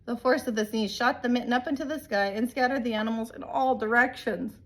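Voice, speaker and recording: A woman reading a picture book aloud in an animated, emphatic way, like a teacher telling a story to young children. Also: fairly high pitch, brisk, slight background noise. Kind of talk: expressive storybook read-aloud.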